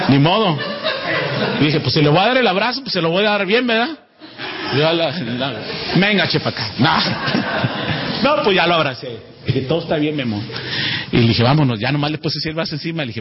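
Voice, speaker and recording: A male preacher delivers a sermon, telling a story and speaking straight to his congregation. His voice is somewhat high and husky. The recording sounds dull and lo-fi. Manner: storytelling with quoted dialogue, addresses the congregation. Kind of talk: sermon with personal testimony.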